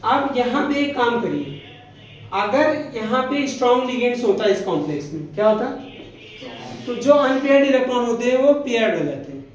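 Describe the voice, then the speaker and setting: Talking a little fast with lively intonation, a very high-voiced male teacher runs a chemistry lesson. He questions his pupils and answers on their behalf, calling them "beta" fondly, with the room's echo audible.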